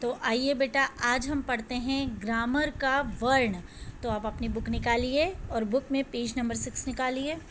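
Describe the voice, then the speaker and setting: A woman with a high voice teaching a grammar lesson to her students. She asks questions and answers them herself, in a patient classroom manner. A faint hiss of noise runs under the recording. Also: fairly even intonation, measured pace, fairly bright tone. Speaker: Hindi teacher.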